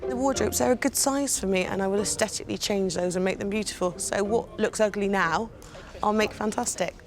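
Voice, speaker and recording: A woman's voice: medium pitch, a little fast. A woman who deals in second-hand goods, talking casually to camera. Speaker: antiques dealer and bidder. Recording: music behind the voice.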